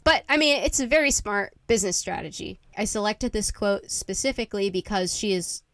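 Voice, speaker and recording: A woman's voice: mid-range voice, fairly quick, a bit bright, no room sound. A woman co-hosting a podcast in casual chat, talking in a chatty, laughing way full of filler words. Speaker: podcast co-host.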